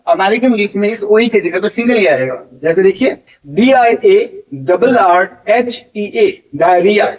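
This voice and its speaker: A man teaching as an English tutor, patiently explaining spelling rules step by step and spelling words out letter by letter. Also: sits high. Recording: voice a bit distant from the mic.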